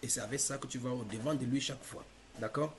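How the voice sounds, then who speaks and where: A man's voice: mid-range voice, fairly even intonation, slight background noise. A man leading a church teaching session, giving direct counsel and checking for agreement. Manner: directive, quick, ends points with "d'accord?". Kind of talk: pastoral counsel.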